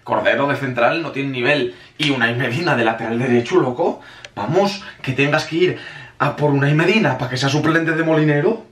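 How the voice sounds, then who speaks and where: A man's voice: medium pitch, fairly bright tone. A man giving a sarcastic football opinion rant, with heavy swearing. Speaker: football fan vlogger. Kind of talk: ranting match opinion. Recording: roomy echo.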